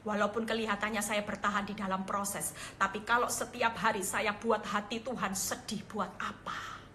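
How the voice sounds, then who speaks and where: A middle-aged woman evangelist, preaching a sermon over a phone livestream, moving from hushed earnest passages to loud exclaiming ones. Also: medium pitch, flat delivery, moderate pace, a little hiss or hum. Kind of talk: sermon over live social video.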